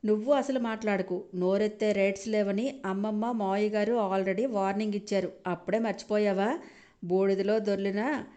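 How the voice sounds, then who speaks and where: A woman's voice: medium pitch, fairly even intonation, normal speed, warm tone, close to an everyday voice. Female reader as young wife, sarcastic and mocking, storybook drama.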